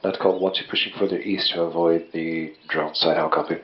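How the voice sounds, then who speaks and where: Deep-voiced male radio operator, short procedural military transmissions, dull lo-fi comms sound. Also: flat delivery, brisk. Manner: brief, procedural. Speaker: squad leader answering radio calls in a military game.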